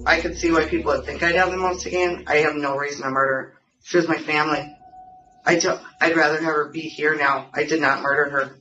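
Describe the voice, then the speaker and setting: A woman's voice: low voice, fairly even intonation, a little fast, bright, forceful tone. Muffled, insistent woman defending herself under questioning. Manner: insistent, repetitive denials. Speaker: suspect under police questioning. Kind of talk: pleading, defensive interrogation answers. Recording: muffled, distant interrogation recording, music behind.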